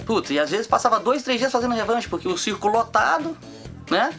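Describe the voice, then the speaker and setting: A man's voice: extremely high pitch, big pitch swings, fairly quick, bright, forceful tone, soft background music. A Brazilian man telling family anecdotes in a casual interview. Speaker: interviewee from a circus wrestling family.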